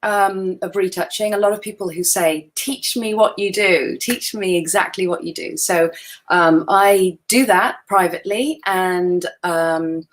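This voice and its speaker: A woman's voice: fairly low pitch, measured pace. A woman in her forties, a photographer presenting in a chatty, self-deprecating way over a video call. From Wales. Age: 40s. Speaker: guest photographer. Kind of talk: webinar presentation.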